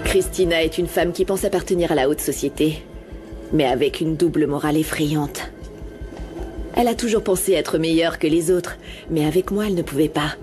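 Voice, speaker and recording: A woman's voice: sits low, moderate pace, music in the background, close to an everyday voice. An actress playing a scheming, vengeful woman who speaks with contempt, in a dubbed telenovela. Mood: scornful.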